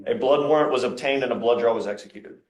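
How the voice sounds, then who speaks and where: A man's voice: mid-range voice, fast. Echoey male voice reading case reports. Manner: matter-of-fact, formal. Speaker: court officer reading probable cause statements. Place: courtroom. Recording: echoey courtroom sound.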